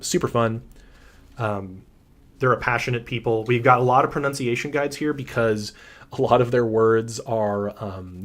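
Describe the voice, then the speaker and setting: Rambling, low-voiced game designer man. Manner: relaxed, rambling, frequent ums; enthusiastic about his characters. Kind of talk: casual livestream Q&A.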